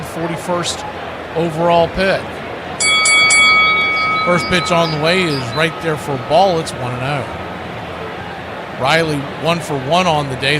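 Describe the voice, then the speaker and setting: A man announcing a baseball game play-by-play in a steady, matter-of-fact radio style. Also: a little high, heavy background noise.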